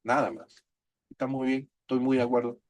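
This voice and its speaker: A man's voice: medium pitch, fairly quick, a little mellow. A man teaches an online Bible class over a video call. He gives direct, plain advice to the class.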